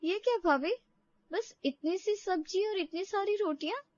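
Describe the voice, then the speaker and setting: A woman's voice: extremely high pitch, measured pace, a little mellow, no echo, highs cut off. A woman voicing a teasing young sister-in-law in a cartoon story, cheeky and complaining. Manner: teasing, complains to her mother, calls the bride "bhabhi". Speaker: cartoon character.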